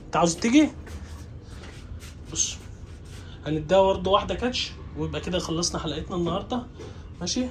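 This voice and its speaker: A man's voice: sits high, animated, quick pace, pauses often, slight background noise. A man with an Egyptian Arabic accent, a dog trainer vlogging and giving his dog short, repeated commands.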